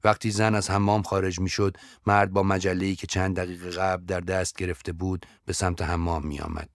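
A man narrating a story in a steady, measured audiobook reading. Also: low voice, no room sound, studio quality.

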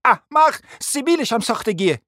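A reader voicing a scheming society hostess who snaps sharp, shrill insults, in a dry close recording. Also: very animated, no room sound. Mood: furious.

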